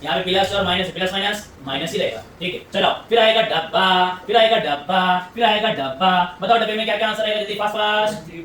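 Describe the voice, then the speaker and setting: A man's voice: sits high, fairly bright tone. Guy teaching math to a class, keeps repeating, hurrying kids along, far mic in an echoey room. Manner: brisk, repetitive, coaxing students. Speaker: maths teacher. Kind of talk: classroom lecture. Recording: echoey room, voice from afar, faint hum.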